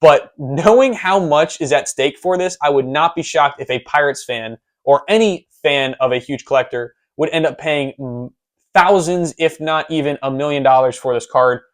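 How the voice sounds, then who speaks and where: A young man with a slightly high-pitched voice hosts a solo sports podcast. He tells the story in a loose, chatty way, with a few ums along the way. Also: moderate pace. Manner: conversational storytelling with casual fillers. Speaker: podcast host.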